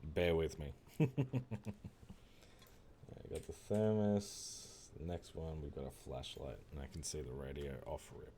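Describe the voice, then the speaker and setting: A man's voice: very deep voice, fairly even intonation, a little slow, pauses often, mellow, a little hiss or hum. A young American man streaming a game, bantering casually with chat, laughing often and swearing. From United States. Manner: laid-back banter, laughs often, swears, mimics accents.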